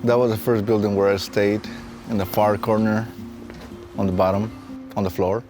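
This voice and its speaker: Speaking with a Mexican accent, a late-thirties man who is a facilities and safety technician and staff trainer shares his personal story haltingly and thoughtfully for a training film. His voice is on the low side with a level tone. Gentle plucked guitar music plays underneath.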